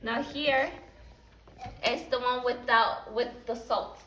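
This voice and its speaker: Slightly high and a bit bright, this woman's voice stays fairly even and slow as she teaches young children. She guides a question-led lesson and a picture book read-aloud, repeating simple questions and phrases. It's an indoor classroom, captured on a distant mic that sounds roomy, with faint noise behind her.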